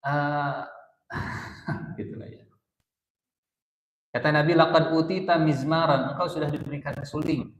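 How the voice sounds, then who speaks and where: A man's voice: fairly high pitch, fairly even intonation, unhurried, pauses often. Sundanese-accented male preacher in an echoey room. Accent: Sundanese-inflected Indonesian. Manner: chanting Arabic verses, mixing in Sundanese asides. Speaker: ustadz teaching a Quran study circle. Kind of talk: Islamic study lecture.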